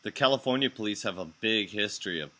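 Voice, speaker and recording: A man's voice: fairly low pitch, animated, fast, bright, forceful tone, rough recording. A man hosting a casual live stream chat, making wry, skeptical asides. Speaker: show host.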